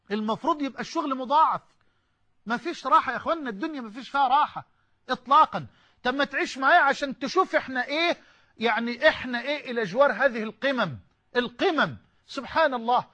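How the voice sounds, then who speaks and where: A man's voice: very high-pitched, sharp tone. A man preaching a sermon with an Egyptian Arabic accent, impassioned and rising to emphatic outbursts.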